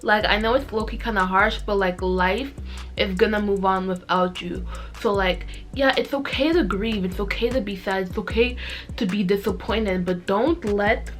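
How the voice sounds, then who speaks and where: A young adult woman vlogger telling stories in casual, slangy girl talk with an animated, emphatic delivery. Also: mid-range voice, moderate pace, soft background music. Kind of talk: casual chatty girl talk, storytelling to camera.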